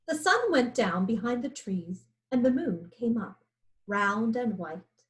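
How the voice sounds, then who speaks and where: Woman reading a kids' story, slow and super expressive, high lively voice. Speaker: storybook reader. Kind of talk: children's story read-aloud.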